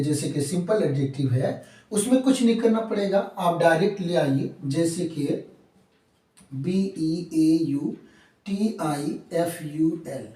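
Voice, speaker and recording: A man's voice: sits high, dark tone. A man with an Urdu accent teaching English grammar in a lecture, spelling words letter by letter and asking and answering his own questions. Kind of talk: classroom lecture. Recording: echoey room, mic at a distance.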